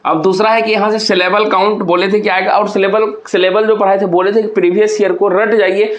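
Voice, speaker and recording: A male teacher with a high voice explains exam answers one by one, asking himself questions before giving each answer. He is recorded in a roomy space with noticeable echo. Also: flat delivery, brisk. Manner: explains step by step with repeated rhetorical questions. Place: hot room with a towel in use.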